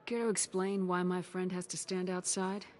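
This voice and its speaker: An actress voicing a composed female commander in a video game, speaking calmly and dryly. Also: on the low side, normal speed, lightly acted.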